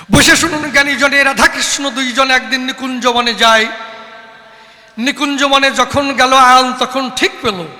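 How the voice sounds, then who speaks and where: High bright-voiced man declaiming on stage. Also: big-room sound. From West Bengal. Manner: chanting sing-song, calls out to audience. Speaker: kobi gaan performer. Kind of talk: sung and declaimed folk debate poetry.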